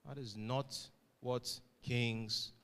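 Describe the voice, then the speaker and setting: Guy preaching to students, punchy rhetorical qs, booming hall echo. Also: steady tone, very slow, clear, resonant tone. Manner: emphatic, rhetorical questions, swings loud and soft. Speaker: motivational speaker. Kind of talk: motivational address to students.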